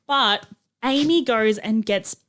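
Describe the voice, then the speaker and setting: A woman's voice: a little high, slow, fairly bright tone, slight background noise. Chatty woman podcast co-host. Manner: chatty, retelling scenes with acted quotes. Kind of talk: casual podcast chat.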